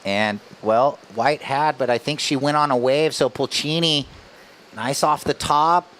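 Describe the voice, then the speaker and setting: A man's voice: mid-range voice, unhurried, fairly bright tone, slight background noise. A man doing live surf contest commentary, calling scores and priorities in a laid-back, casual surfer way with slang.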